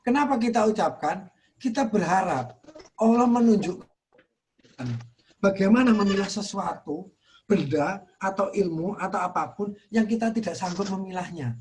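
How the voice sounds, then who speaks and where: An Indonesian man teaching in a religious study talk, earnest, softly repeating phrases for emphasis. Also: sits high, normal speed, slight background noise. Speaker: Islamic teacher.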